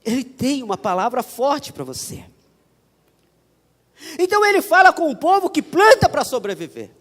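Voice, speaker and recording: A man's voice: very high voice, wildly swooping pitch, normal speed, fairly bright tone. A man preaching a sermon as a pastor, with a Paulista accent and an emphatic style that repeats phrases. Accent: Paulista Portuguese. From São Paulo, Brazil. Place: church. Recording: church hall reverb.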